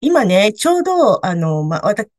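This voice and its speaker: A woman speaks with a blocked, nasal sound, as if through a head cold. Her delivery is lively and varied in pitch as she explains things in a polite, conversational way. The recording is close and dry. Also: normal speed, no room sound. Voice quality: nasal, stuffy nose from a cold. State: has a cold. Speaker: beauty salon academy director, expert speaker. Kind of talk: conversational explanation on a talk program.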